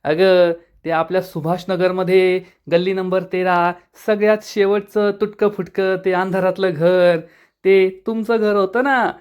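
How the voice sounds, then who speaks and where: Narrator doing a brash gossipy young woman, loud and nosy, pokes fun at people with no filter, middling pitch, retold serial scene. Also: flat delivery, unhurried, clear, resonant tone, natural voice. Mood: brash teasing. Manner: teasing, blunt and nosy.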